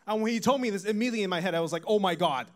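A man from Taiwan doing a stand-up set, telling stories in a deadpan way with bursts of laughter. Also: sits high, racing. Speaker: stand-up comedian.

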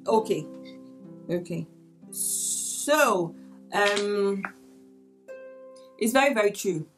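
A woman's voice: mid-range voice, animated, drawn-out words, over music. A woman teaching about resolving conflicts in relationships, often repeating words and acting out quoted dialogue. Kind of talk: teaching talk with acted examples.

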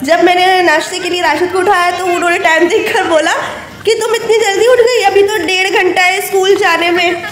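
A woman's voice: very high voice, fairly even intonation, a little fast, a bit bright. A woman in her thirties chatting to her phone camera at home, casual and talkative, mixing in English phrases and addressing viewers as guys. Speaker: vlogger. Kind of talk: casual vlog chat to camera. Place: home veranda with plants, indoors and out. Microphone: phone camera at arm's length. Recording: echoey room with background noise.

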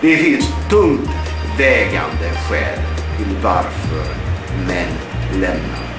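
A man's voice: low voice, very animated. Earnest middle-aged man, echoey room. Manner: earnest, deliberate and indignant. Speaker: blogger. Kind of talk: opinion monologue to camera. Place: small indoor room. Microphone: webcam up close. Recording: roomy echo with background music. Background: background music.

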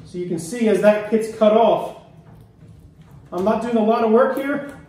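A middle-aged beekeeper from Maryland talking through a hands-on demonstration while he works, relaxed and explanatory, recorded on a camera mic a few feet away in an indoor workroom. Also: high-pitched, moderate pace, distant mic. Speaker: beekeeper demonstrating honey harvest. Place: indoor workroom, hard surfaces. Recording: echoey room, voice off-mic.

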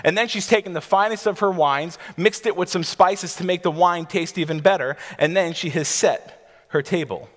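Speaking at a normal speed with a voice that sits high, a thirtysomething pastor gives a sermon from the stage before his seated congregation. His style is instructive and vivid, with scenes described for the audience and a few restarts. Long church hall reverb surrounds him.

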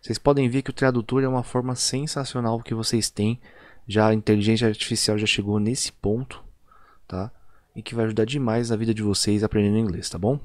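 A man with a Brazilian Portuguese accent teaching an online lesson in a chatty way, often ending lines with little tag questions and stretching example words out slowly. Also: fairly low pitch, flat delivery, a little mellow, no room sound. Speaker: English teacher. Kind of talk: casual online video lesson.

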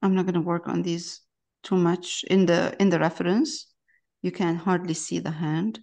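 A woman with a lowish, gravelly voice talks through a painting demonstration. She speaks softly and haltingly, thinking aloud as she works at close range to the mic. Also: fairly even intonation. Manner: soft-spoken, halting, talks to herself while painting. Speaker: painting instructor.

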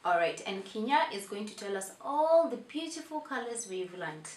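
A young woman hosting a children's lesson in an animated, upbeat way, prompting young children with questions. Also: mid-range voice, normal speed. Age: young adult. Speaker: host of a children's lesson, teacher. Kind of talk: children's educational lesson, presenting to camera. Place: small indoor playroom. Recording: roomy echo, mic at a distance.

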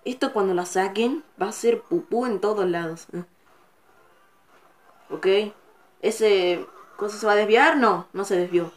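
A woman hosting a gaming channel, giving live gameplay commentary with excitable, frustrated outbursts and cursing at the game. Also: mid-range voice, unhurried, pauses often.

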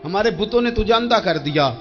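A man's voice: high voice, expressive. A preacher acting out a scornful male pagan chief who taunts a blinded slave woman, in a mocking tone. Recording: dull recording with faint music.

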